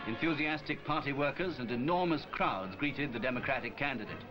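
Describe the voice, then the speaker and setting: A male narrator in an old newsreel, reading a scripted account with a lively, swinging pitch. Music plays clearly under his voice throughout. His delivery has the polished cadence of a vintage newsreel announcer. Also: a little fast, muffled recording.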